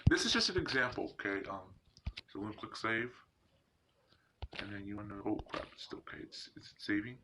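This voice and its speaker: This casual screen tutorial is led by a man with a lowish, sing-song voice who moves briskly yet hesitantly and informally from step to step. Loud noise and clicks come through a muffled lo-fi microphone.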